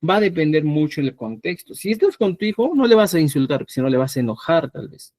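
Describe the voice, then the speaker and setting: A man from Peru teaching a live online language class, patiently repeating words slowly so students can hear the pronunciation. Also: fairly high pitch, animated, a little mellow, no echo. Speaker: Quechua teacher.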